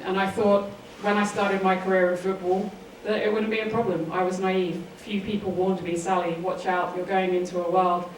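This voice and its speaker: With a voice on the low side, an English woman in her forties answers interview questions earnestly and articulately, sharing personal stories as a sports author. Her accent is southern English, and the recording has a distant mic, roomy echo, and faint noise.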